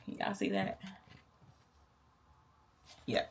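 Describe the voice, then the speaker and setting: A woman's voice: drawn-out words, a little hiss or hum. A woman with a Texan accent, vlogging to camera in a chatty, playful, colloquial way. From Texas. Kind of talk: casual vlog talk to camera.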